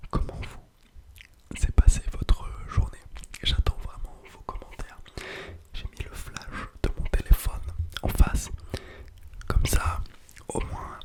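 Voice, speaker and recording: A man whispers a casual ASMR chat very close to the mic, hushed as if quiet at night, with soft breath and lingering repeated words. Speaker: ASMR content creator. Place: small home toilet room, indoors. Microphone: close sensitive microphone without windscreen.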